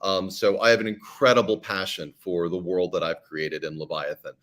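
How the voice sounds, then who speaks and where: A middle-aged man who makes fiction podcasts answers interview questions conversationally as a guest, speaking earnestly. He often restarts sentences and repeats words, in a low-pitched, slightly bright voice with fairly even intonation and a moderate pace.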